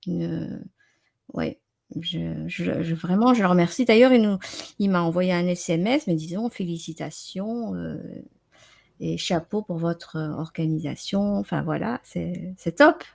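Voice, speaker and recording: Gravelly-voiced woman hosting a live chat. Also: fairly low pitch, darkish tone. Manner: halting, repeats words as she searches. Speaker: host of an open-line internet radio show.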